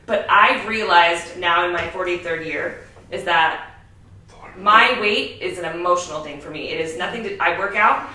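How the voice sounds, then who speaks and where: A woman's voice: on the low side, normal speed, bright, forceful tone. A woman in her forties hosting a casual talk show, speaking candidly and laughing often. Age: 40s. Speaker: host. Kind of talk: casual chat. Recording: roomy echo, mic at a distance.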